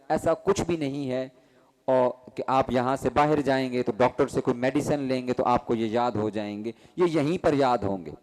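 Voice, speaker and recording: A man's voice: medium pitch, a little mellow. A man teaching a Quran recitation class, asking questions and having students repeat terms in rhythm. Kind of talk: classroom call-and-response lesson.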